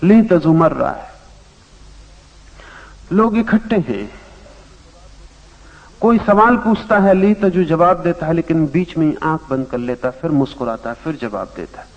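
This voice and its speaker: A man giving a spiritual discourse, telling a parable in slow phrases with long pauses, his loudness rising and sinking. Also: on the high side, animated, big-room sound. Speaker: spiritual teacher. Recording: dull lo-fi archival tape.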